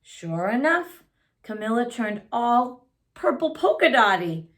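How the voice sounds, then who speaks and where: A woman reading a children's picture book aloud expressively, addressing young listeners in a deliberate way. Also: on the high side, sing-song, a bit bright.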